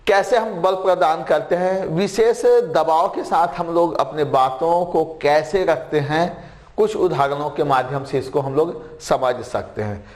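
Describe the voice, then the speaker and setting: A man's voice: fairly high pitch, a little slow, a little mellow, roomy sound. A man teaching a grammar lesson, repeating key phrases and examples and reading sentences out word by word. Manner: reads English sentences word by word.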